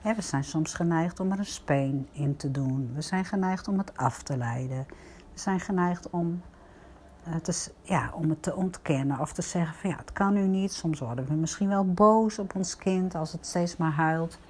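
An older woman, a grandmother, gently telling viewers a personal story in a reflective, casual way. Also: low voice, normal speed, a little hiss or hum.

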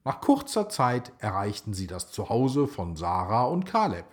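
A man narrating a children's story in a slow, expressive way. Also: on the low side.

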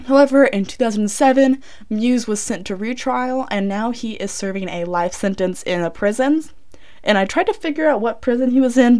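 A woman's voice: mid-range voice, smooth. A young woman recorded inside a closet, telling true crime stories casually as a podcast host, informal and often tripping over and correcting her words. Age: young adult.

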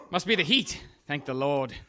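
Man acting earnest adventurer, melodramatic, bright animated voice, pulp comedy drama. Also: a little high, slow, exaggerated voice. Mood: urgent. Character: earnest, sentimental English adventurer.

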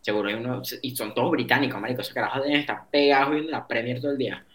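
A man co-hosting a casual gaming chat in relaxed, slangy banter. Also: mid-range voice, racing. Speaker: podcast co-host.

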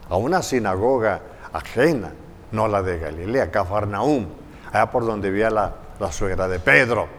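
Slow emphatic preacher in a reverberant church. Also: male voice, medium pitch. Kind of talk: sermon.

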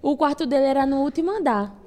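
High-voiced, animated woman. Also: quick pace. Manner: animated, dramatic storytelling with repetitions. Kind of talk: casual podcast chat.

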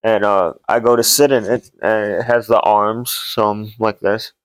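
A man's voice: on the low side, fairly even intonation, measured pace, clear, resonant tone, dry recording, rough recording. A young man co-hosting a podcast, telling anecdotes in a rambling way full of "like" fillers. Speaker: podcast co-host. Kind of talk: casual chat.

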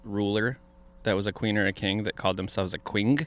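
A man's voice: fairly low pitch, steady tone, fairly quick. A man co-hosting a podcast in a joking, casual chat outdoors, laughing often. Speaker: podcast co-host.

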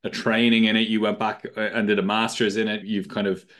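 Male podcast host, somewhat low voice, friendly, conversational questions. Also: level tone, fairly quick, fairly bright tone. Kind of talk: podcast interview.

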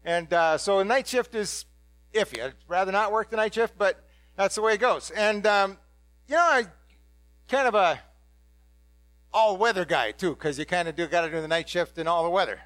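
A man speaking as the apostle Peter, a blunt, ordinary fisherman, telling his story to a church congregation in a rambling, halting, casual way full of restarts. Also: sits high, no echo. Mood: chatty. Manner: excitable, blurting. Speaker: dramatic first-person preacher. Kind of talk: first-person biblical monologue to a congregation.

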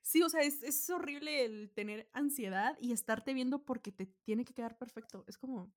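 Young Mexican woman podcast host, high voice, swears a lot, animated storyteller, casual chat. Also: moderate pace.

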